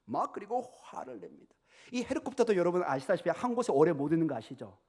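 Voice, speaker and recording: A man preaching in a church sanctuary, his voice sitting a little high for a man. He tells the story with swooping pitch, playing the characters and dropping to sudden whispers. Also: fast. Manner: animated storytelling, acts out characters, drops to whispers. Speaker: pastor. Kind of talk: sermon.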